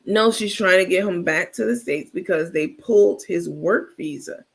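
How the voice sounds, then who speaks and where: High, gravelly-voiced man chatting live. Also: moderate pace. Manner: animated, talkative, blunt, laughs often. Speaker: livestream host. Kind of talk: casual live gossip commentary, reacting to viewer chat.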